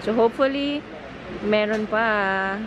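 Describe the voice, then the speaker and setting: A woman's voice: medium pitch, unhurried, muffled recording. Young woman, Filipino accent, chatty handheld vlog, traffic noise behind. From Philippines. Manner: chatty, switches between English and Tagalog. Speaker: vlogger. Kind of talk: casual walkthrough vlog. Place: house under renovation and hardware store, indoors. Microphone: handheld camera at arm's length.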